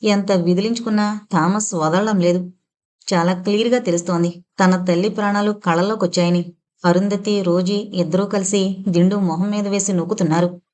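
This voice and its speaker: A woman narrating a horror novel as an audiobook, reading in a dramatic, measured manner. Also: medium pitch, a little mellow.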